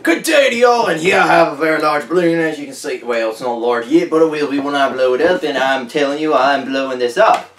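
A man's voice: brisk, hardly any pauses, recorded from a distance, slight background noise, close to an everyday voice. A man voicing a folksy balloon-blower with a put-on drawl who turns frantic and pleading, recorded in an echoey room away from the mic. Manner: drawling put-on accent turning to frantic high-pitched pleading. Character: panicky twangy man blowing up a balloon.

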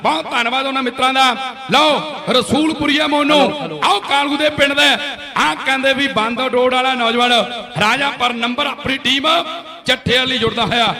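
A man with a Punjabi accent doing frantic, excited rural kabaddi commentary, repeating words and names. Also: extremely high pitch, moderate pace, a crowd in the background. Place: outdoor village kabaddi tournament.

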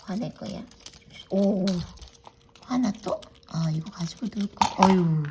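A woman at home talking to her pet parrot in coaxing, teasing baby talk, often hushed or whispered. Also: medium pitch, takes it slowly, a little hiss or hum.

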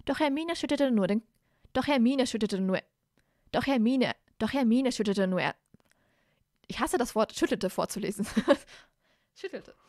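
A woman's voice: on the high side, animated, moderate pace, pauses often, darkish tone, no echo, studio quality. A woman reading fan fiction aloud live, often restarting and correcting herself mid-sentence. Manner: frequent restarts and self-corrections. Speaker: audiobook reader.

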